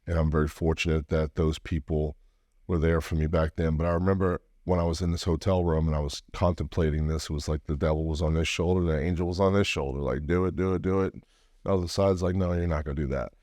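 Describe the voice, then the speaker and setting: A man's voice: very deep voice, fairly even intonation, fast, darkish tone, no room sound, studio quality. A man from Louisiana, a podcast guest, telling his life story in an earnest, heartfelt, reflective way. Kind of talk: personal storytelling interview.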